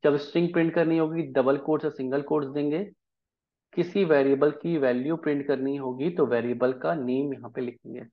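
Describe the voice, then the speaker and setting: A man's voice: a little high, fairly even intonation, brisk, dull audio. A man teaching a programming lesson in Hindi, explaining step by step and often checking whether the class follows. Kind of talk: live coding lesson.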